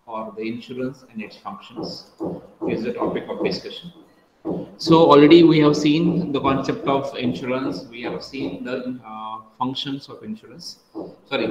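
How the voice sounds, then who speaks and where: A man's voice: mid-range voice, roomy sound, dull audio, a little hiss or hum. A man giving a methodical online class lecture, often repeating and correcting himself, heard through screen-recorded call audio.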